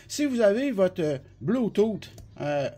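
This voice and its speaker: This CB radio specialist talks slowly in a high, sing-song, warm voice with a Québécois French accent. Down with the flu and coughing occasionally, he gives a casual, colloquial product demonstration step by step, repeating himself a lot, into a phone he holds himself.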